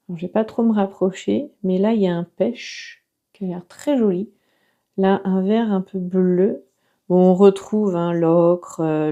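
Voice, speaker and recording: A woman chatting casually to her viewers as she unboxes art supplies, enthusiastic and exclamatory, often pausing to search for words. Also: mid-range voice, dark tone. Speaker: watercolour artist and video host.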